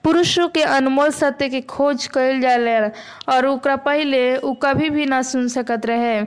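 Preacher: woman, high voice, Bhojpuri accent, steady measured Bible sermon.

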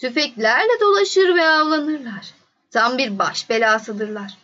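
A woman voicing a wise wild fox in a storybook, calm and explaining patiently. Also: sits high, unhurried, lo-fi sound, full character voice.

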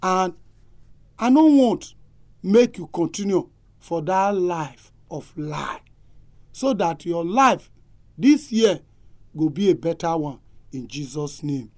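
Animated Nigerian male pastor. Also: sits high, takes it slowly, pauses often. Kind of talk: pastoral exhortation and prayer.

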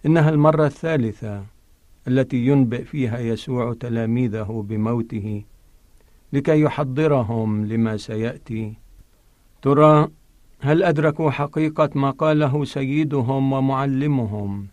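A man's voice: medium pitch, normal speed, a little mellow, dry recording. Dry-sounding man in solemn religious narration. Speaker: pastor presenting a radio Bible programme. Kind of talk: scripted religious narration and scripture reading.

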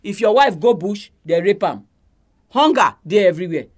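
A man's voice: high-pitched, animated, moderate pace. A man with a Nigerian accent leading a group prayer in Nigerian Pidgin. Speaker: prayer meeting leader.

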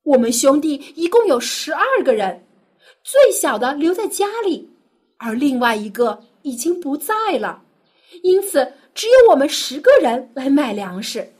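A woman's voice: sits high, very animated, moderate pace, a little mellow. A woman voicing frightened, guilty brothers pleading in a children's Bible story. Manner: pleading, panicked.

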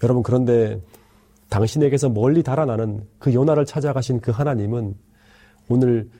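Male pastor, mid-pitched mellow voice, earnest pleading sermon delivery. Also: moderate pace. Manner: earnest, pleading preaching with soft, lowered endings.

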